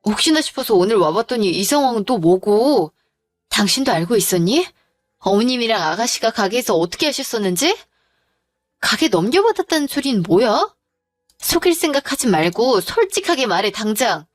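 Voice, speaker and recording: A woman's voice: fairly high pitch, big pitch swings, normal speed, no echo, clean studio sound, soft background music. A woman voicing an angry wife who firmly confronts her husband and in-laws in a dramatized story. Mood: stern. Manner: firm, demanding, accusing.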